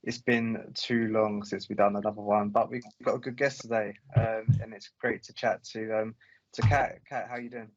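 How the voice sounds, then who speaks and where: A man's voice: on the low side, little pitch movement, normal speed, highs cut off. A man co-hosting a podcast from an office, chatting casually and rambling with lots of restarts. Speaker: podcast co-host. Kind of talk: casual interview chat.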